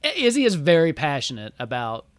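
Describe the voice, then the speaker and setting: A man narrating a tabletop game casually as game master, in a halting conversational way. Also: a little high, wildly swooping pitch, clean tone, no echo.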